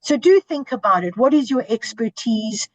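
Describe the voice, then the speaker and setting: A woman with a fairly high, expressive voice talks at normal speed as a senior broadcast journalist on a video-call panel discussion. She is earnest and emphatic, stressing ideas through lists and repetition. The recording is dry but low quality.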